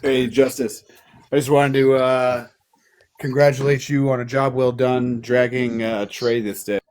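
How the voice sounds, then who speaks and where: A man in a casual voice chat, hesitant with pauses, his audio glitching, echoing and dropping out. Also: mid-range voice, level tone, a little mellow. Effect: glitching, echoing voice-chat audio that repeats and cuts out. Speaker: voice chat participant.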